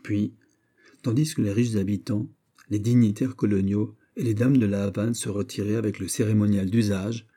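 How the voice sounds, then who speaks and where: A man narrating a classic sea story in a measured storytelling manner. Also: on the low side, mellow, husky. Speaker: reader. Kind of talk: scripted narration.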